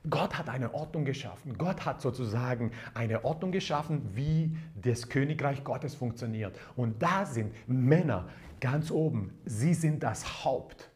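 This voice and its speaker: A man's voice: mid-range voice, animated, unhurried, a little mellow. Male preacher, sermon delivery, emphatic and repetitive, hallelujahs and amens. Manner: emphatic, repeats key phrases, calls out hallelujah and amen.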